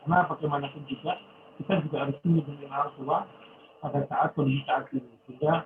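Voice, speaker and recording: A man's voice: fairly high pitch, level tone, fast talker, distant mic. A man asking a question on a video call. He sounds hesitant and uses many fillers, and his audio is garbled and distorted because it keeps breaking up. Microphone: Bluetooth headset mic over a video call. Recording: distorted, tinny, noisy, echoey video-call line.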